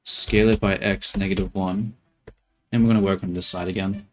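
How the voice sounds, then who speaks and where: This is low-voiced, steady talk at a slightly quick clip. He mumbles jokes to himself and his viewers as he models a 3D character on stream.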